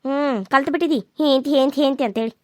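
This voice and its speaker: A woman voicing a sharp-tongued, scheming older village mother-in-law in a cartoon serial. She speaks with a North Karnataka accent. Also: no echo, clean studio sound, close to an everyday voice. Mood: scolding. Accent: North Karnataka Kannada. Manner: scolding, rapid, shrill. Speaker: voice actor.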